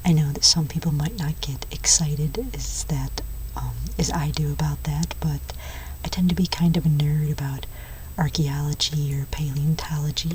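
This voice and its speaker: A whispered role-play of a nerdy, enthusiastic movie-store clerk , played by a woman. The voice is low and soft, rambling along without hurry. It sits a little away from the microphone, over faint background noise. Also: distant mic, poor audio. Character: chatty, nerdy movie-store clerk recommending sci-fi films.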